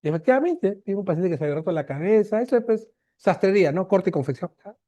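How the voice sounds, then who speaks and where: A Peruvian man in his fifties, a doctor lecturing, telling a case story and acting out the dialogue with lively voices. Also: high voice, quick pace, dry recording. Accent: Peruvian Spanish. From Peru. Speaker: medical lecturer. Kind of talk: anecdote in an online lecture.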